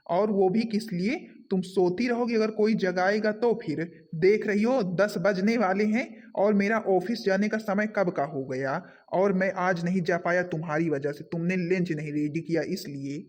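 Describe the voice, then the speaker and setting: A man voicing an angry young husband who sternly scolds his wife in a homemade cartoon. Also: high-pitched.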